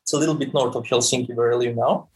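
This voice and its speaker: Man, husky, repeating words. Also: medium pitch, fairly even intonation, fast talker, poor audio. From Serbia. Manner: frequent stammered restarts, repeating words. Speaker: guest, game creative director. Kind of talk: podcast interview.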